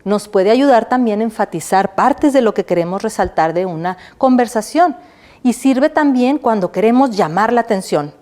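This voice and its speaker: With a slightly high, darkish voice and lively intonation, a middle-aged university lecturer leads a recorded online lesson. She quizzes her listeners, supplies the answers herself, and keeps checking in with a quick "right?".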